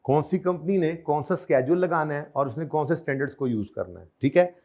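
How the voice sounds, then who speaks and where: Brisk and a little high, with a slightly mellow quality, this man teaches accounting by repeating important terms over and over and quizzing the students.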